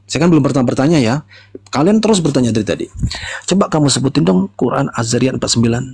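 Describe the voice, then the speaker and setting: A man's voice: mid-range voice, lively intonation, vocal fry, a little mellow, husky, no room sound. A man, a pastor in a heated religious debate, answering with mocking retorts and talking over his opponent. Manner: mocking, talks over the other, rapid retorts.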